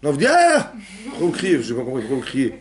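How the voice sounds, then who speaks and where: A man teaching a lively class to young women, asking questions and acting out cries and quotes. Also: medium pitch, very fast. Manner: animated, asks questions, acts out cries and quotes. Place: synagogue hall with young women students.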